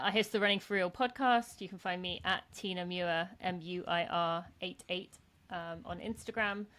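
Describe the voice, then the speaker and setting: A woman's voice: lowish voice, fairly bright tone. A woman with a British accent, chatting casually as a guest in a podcast interview. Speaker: podcast guest, author and podcast host.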